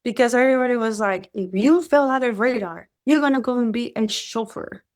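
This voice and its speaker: Her voice is fairly high and her delivery brisk as this Mexican woman, a first-language Spanish speaker, tells her story. She's a radar technician appearing as a guest in a conversational interview, and she narrates vividly, acting out quoted voices.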